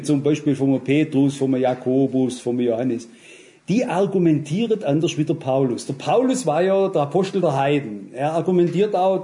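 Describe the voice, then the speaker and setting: A man preaching a sermon, switching between emphatic stress and quiet, hushed remarks. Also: on the high side.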